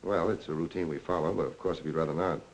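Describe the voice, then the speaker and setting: A man with a low, steady voice talks fast, playing a curt, businesslike police lieutenant in a 1940s crime film. His clipped, authoritative manner feels cool and probing, heard over a noisy old film soundtrack.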